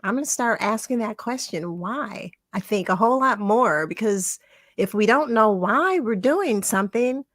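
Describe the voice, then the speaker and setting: A woman's voice: mid-range voice, lively intonation, normal speed, a bit bright, no room sound, clean studio sound. A woman co-hosting a casual talk show, chatty and reflective, laughing often as she shares stories. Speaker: podcast co-host. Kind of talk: casual conversation.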